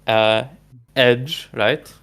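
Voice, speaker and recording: A man playing in a tabletop game, chatting out of character in an unhurried, teasing way. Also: mid-range voice, a bit bright. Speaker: player. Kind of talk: casual out-of-character chat.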